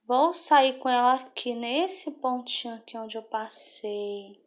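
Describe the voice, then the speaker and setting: A woman with a slightly high voice teaches a craft step by step. She talks patiently and keeps checking in with the viewer as she goes. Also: slow. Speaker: craft instructor.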